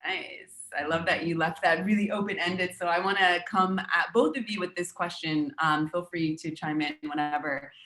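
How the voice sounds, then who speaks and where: A woman hosts an online talk over a video call. Her voice sits fairly low, and she chats in an upbeat way with many fillers. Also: fairly bright tone. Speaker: webinar host. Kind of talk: casual video call chat.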